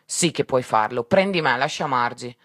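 A man's voice: mid-range voice, expressive, normal speed, fairly bright tone, no echo, studio quality. A man reading aloud and voicing an old, brave husband who pleads earnestly. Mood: pleading.

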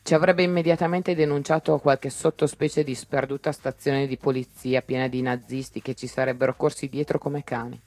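A man narrating an audiobook in a lively way, giving each character's lines their own voice. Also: mid-range voice, fairly quick, hardly any pauses, no echo, soft background music.

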